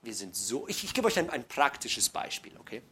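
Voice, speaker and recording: A middle-aged man preaching a sermon to his congregation, folksy and joking, dropping to hushed asides and then building to loud, emphatic passages. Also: mid-range voice, very animated, fairly quick, a little hiss or hum. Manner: folksy, joking, addresses listeners directly.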